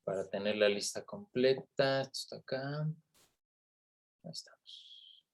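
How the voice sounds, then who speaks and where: A man's voice: mid-range voice, a little slow. Man lecturing, with frequent tag questions. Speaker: university lecturer. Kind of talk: online lecture.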